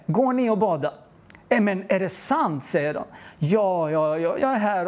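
A man's voice: sits high, darkish tone. A man preaching, telling a personal testimony in an earnest, storytelling way and acting out the dialogue. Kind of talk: testimony sermon.

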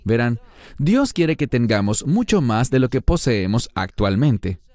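Man, Bible teacher, mellow warm tone, lively rising and falling pitch, dry close sound. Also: no room sound. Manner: teaching, slow emphatic words and questions to the listener. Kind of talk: Bible study lesson.

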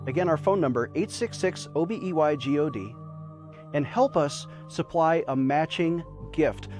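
A man's voice: fairly high pitch, a little mellow. A man hosting a religious TV program, making an earnest charity appeal straight to the viewers and urging them to give. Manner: earnest, exhorting, direct address to viewers. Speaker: religious TV program host and minister.

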